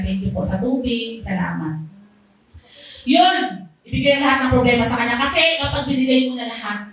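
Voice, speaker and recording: A woman giving a lively, loud testimony to a small church congregation in a casual, animated manner. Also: mid-range voice. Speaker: church speaker sharing a testimony. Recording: very echoey hall, voice far off, faint background noise.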